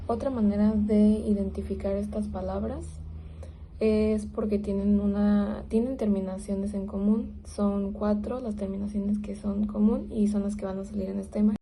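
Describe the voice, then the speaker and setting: A woman student explaining a class topic in a steady, explanatory way. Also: medium pitch, moderate pace, a little hiss or hum, rough recording. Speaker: student presenter.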